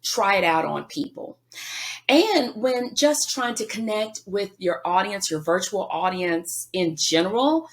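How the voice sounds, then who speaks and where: A woman guest on a podcast interview, giving emphatic, lively coaching advice. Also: medium pitch, measured pace. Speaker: guest speaker.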